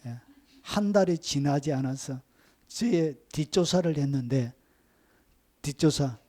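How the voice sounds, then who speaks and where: A male pastor preaching a sermon, telling stories with animated delivery and acting out the people he quotes. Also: fairly high pitch, unhurried. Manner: animated storytelling preacher, acts out quoted voices.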